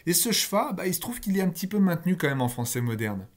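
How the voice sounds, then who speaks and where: A man's voice: high voice, very animated, fast talker. Blunt, emphatic male linguistics lecturer. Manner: emphatic, blunt, casual asides. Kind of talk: recorded video lecture.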